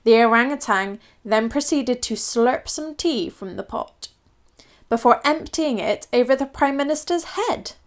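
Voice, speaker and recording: High-voiced woman reading a children's storybook. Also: lively intonation, measured pace. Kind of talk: expressive children's storybook read-aloud.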